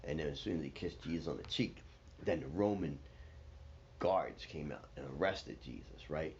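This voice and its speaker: Man, storyteller, very low voice, slangy, casual, slightly dull recording, faint background noise. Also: animated, normal speed, creaky, darkish tone. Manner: loose, slangy, full of fillers. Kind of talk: casual retelling.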